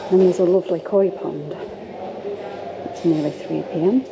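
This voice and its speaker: A middle-aged woman gives a chatty, lively walking tour of a hotel lobby and garden, talking into a handheld phone. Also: fairly low pitch, normal speed, gravelly. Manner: chatty, lively, pointing things out as she walks. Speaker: travel vlogger. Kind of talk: casual walking tour commentary. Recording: loud outdoor background noise.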